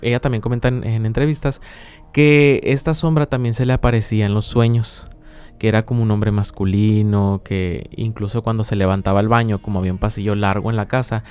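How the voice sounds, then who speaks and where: A man's voice: fairly low pitch, steady tone, a little fast, darkish tone, clear, resonant tone. A man co-hosting a podcast, telling paranormal stories in a casual, conversational way. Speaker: podcast co-host.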